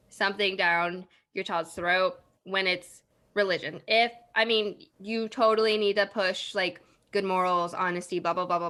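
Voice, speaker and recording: A woman's voice: mid-range voice, sharp tone. A young woman co-hosting a podcast over a video call, chatting casually and swearing bluntly. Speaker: podcast co-host. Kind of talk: casual chat.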